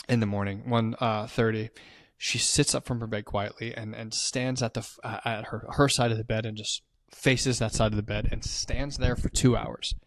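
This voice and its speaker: A man's voice: mid-range voice, dry recording, studio quality. A man co-hosting a casual podcast, animatedly retelling a horror movie scene by scene, swearing often and acting out the characters' lines. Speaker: podcast co-host recapping a movie. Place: his house.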